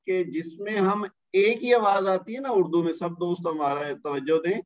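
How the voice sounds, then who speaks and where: A man's voice: high-pitched, highs cut off. A male Quran teacher running an online tajweed class, patient but firmly correcting his student.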